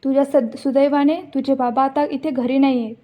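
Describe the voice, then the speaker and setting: A woman's voice: high voice, steady tone, brisk, lightly acted. A woman reading the lines of an angry middle-aged mother who turns her daughter away, in a plain retelling voice. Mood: stern. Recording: dull lo-fi recording.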